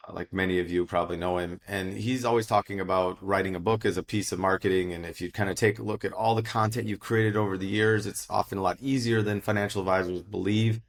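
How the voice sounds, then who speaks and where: A middle-aged American man, a financial advisor, giving steady, explanatory answers in a casual interview. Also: sits low, fast, few pauses. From United States.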